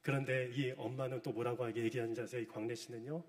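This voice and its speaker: A man's voice: medium pitch, fairly even intonation, fast talker. A middle-aged man preaching a sermon, telling a story with feeling and asking his listeners questions. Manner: storytelling, retelling a drama with emotion. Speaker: pastor. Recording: long hall reverb.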